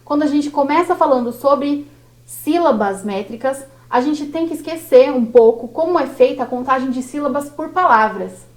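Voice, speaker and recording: A Brazilian Portuguese-speaking woman teaching a workshop lesson on verse, slow and didactic, drawing out each syllable. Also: high voice.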